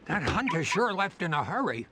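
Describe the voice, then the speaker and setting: A man's voice: sits high, big pitch swings, normal speed. A man voicing a silly, whiny, blustering bubble villain in a cartoon video game. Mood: silly, put out. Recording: music behind the voice.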